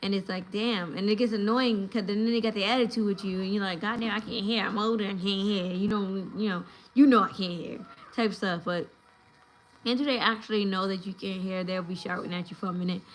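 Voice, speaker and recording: Giving advice to her viewers, this livestream host, a woman in her thirties from New York, chats casually from home and performs voices in her stories. She speaks a little fast at medium pitch with fairly even intonation. The recording is rough, with slight background noise.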